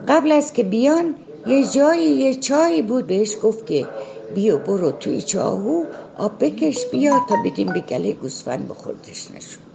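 A woman's voice: sits high, lively intonation, vocal fry, over music, poor audio. A woman telling a folktale in a conversational way, stopping for side remarks to the listener. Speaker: storyteller.

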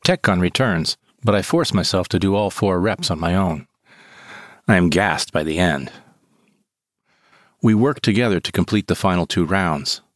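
A man reading a first-person story in a calm, measured way. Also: low voice, no room sound, studio quality. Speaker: narrator. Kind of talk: scripted first-person narration. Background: guitar music.

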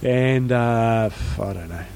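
A man's voice: medium pitch, slow, a little mellow, clear, resonant tone. A man in his thirties co-hosting a casual chat, laid-back and hesitant, stammering on restarts. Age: 30s. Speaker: podcast co-host.

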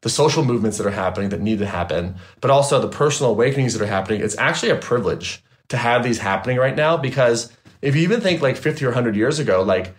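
A man, a trauma therapist and guest, talking in a casual, animated and emphatic way, swearing freely. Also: mid-range voice, fast talker. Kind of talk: casual interview chat.

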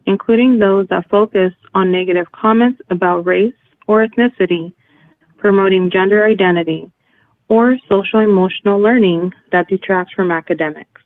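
A woman's recorded hotline greeting, heard over a landline phone, formal and measured, slowing down to spell things out. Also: mid-range voice, no room sound. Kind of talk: recorded phone menu message. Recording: tinny phone line, dry.

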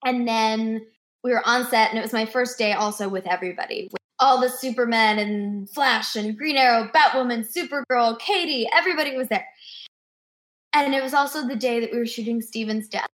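Animated young woman telling stories. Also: fairly high pitch, brisk. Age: 20s. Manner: animated storyteller, acts out quoted dialogue. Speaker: guest actress. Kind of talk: remote interview chat.

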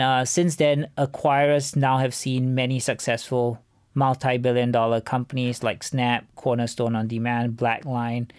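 A venture capital fund co-founder, appearing as an interview guest, answers questions in a measured, businesslike manner. His voice is smooth and medium-pitched for a man, recorded close and dry with very little room sound and no echo.

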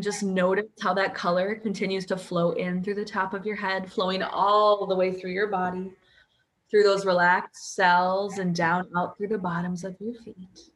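Slow, soothing woman hypnotist. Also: mid-range voice, poor audio. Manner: soft, soothing and repetitive. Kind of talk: guided hypnosis session.

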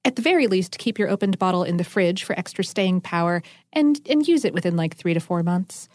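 A woman's voice: on the low side, expressive, brisk, darkish tone, no room sound. A woman co-hosting a podcast, explaining food history and science in a chatty, enthusiastic way with lots of asides. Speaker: podcast co-host.

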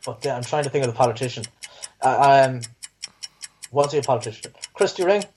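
A man's voice: medium pitch, lively intonation, brisk, a little mellow, a little hiss or hum. A man talking casually and thinking aloud as a quiz contestant.

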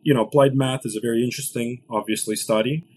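This podcast interview features a late-twenties founder from Los Angeles speaking rapidly about his business. He restarts his sentences often and keeps asking "right?". His voice is medium-pitched, steady, and a little mellow.

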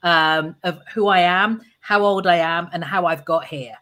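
A woman's voice: on the low side, a little slow, sharp tone. A woman in her fifties with a Birmingham accent, hosting her podcast and talking about her own career in a self-assured way. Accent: Birmingham English. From Birmingham, England. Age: 50s. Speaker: podcast host and career strategist. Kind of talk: podcast intro and conversational interview.

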